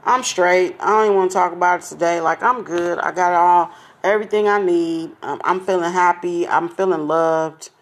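A middle-aged woman hosting her own talk podcast with an upbeat, slangy chattiness. She speaks straight to her listeners in a fairly low voice and smiles through her words. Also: steady tone, normal speed. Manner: smiling and laughing as she talks. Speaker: podcast host. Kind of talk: casual podcast chat.

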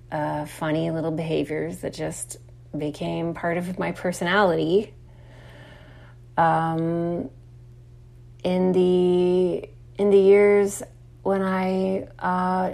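A woman host talks through a casual, reflective monologue at an unhurried, drawn-out pace. Her low-set voice carries a steady gravelly fry. She rambles, fills gaps with little fillers and calls her listeners y'all. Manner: chatty, addresses listeners as y'all. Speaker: podcast host.

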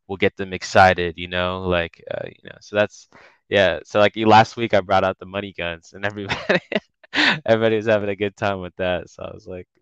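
Deep-voiced and steady, he speaks briskly and smoothly, heard through a dry, muffled recording. He's a young guest rapper from the Washington, D.C. area, relaxed in a casual podcast interview, laughing often and leaning on fillers.

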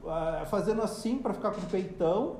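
A man's voice: high voice, expressive, fairly quick, very noisy. A Brazilian man hosting a casual podcast, telling stories with dramatic, exasperated flair and campy slang. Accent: Brazilian Portuguese. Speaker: podcast host. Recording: roomy echo.

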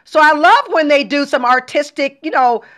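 A woman hosting a casual podcast chat, talking animatedly and exclaiming loudly when she gets excited. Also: high voice, moderate pace. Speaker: podcast host.

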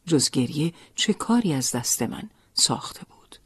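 A woman reading a first-person story as narrator, soft and often sinking into a near-whisper. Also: sits low, animated, music in the background.

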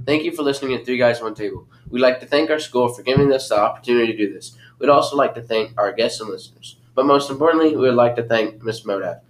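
A man's voice: mid-range voice, fast, hardly any pauses, low-quality recording. A teenage boy co-hosting a school podcast, joking and chatty. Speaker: student podcast co-host.

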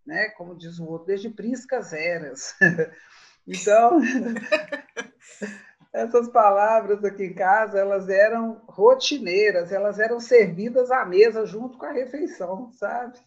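A woman's voice: mid-range voice, unhurried. Older woman reminiscing, muffled sound. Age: 60s. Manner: warm reminiscing, laughs often. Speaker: interviewee. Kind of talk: storytelling interview.

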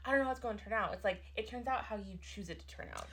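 A woman's voice: medium pitch, racing, fairly bright tone, slight background noise. A young woman recorded in an attic, talking casually and reflectively as a podcast co-host, in a reassuring way. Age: young adult. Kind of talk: casual personal chat.

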